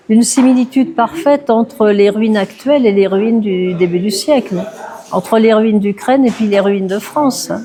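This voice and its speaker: A woman calmly explaining the idea behind her artwork in a fluent, reflective way, interviewed at an exhibition. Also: fairly high pitch. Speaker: artist.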